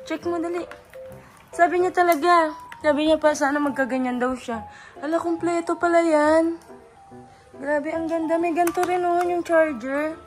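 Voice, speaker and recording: A woman's voice: very high voice, moderate pace, faint music behind. A young woman from the Philippines vlogging casually from a messy bedroom, her voice worn out from tiredness, teasing and laughing a lot. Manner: excitable, laughs and teases a lot. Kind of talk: casual vlog chat.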